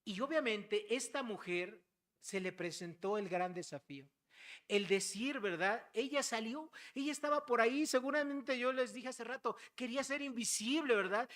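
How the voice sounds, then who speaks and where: A preacher with a Mexican accent delivers a sermon in a chatty, teaching tone, at a middle pitch. The preacher keeps checking in with the listeners and slips into short acted-out dialogues to make a point. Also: moderate pace, fairly bright tone. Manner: conversational, keeps checking in with "¿verdad?"; acts out everyday dialogues to illustrate points.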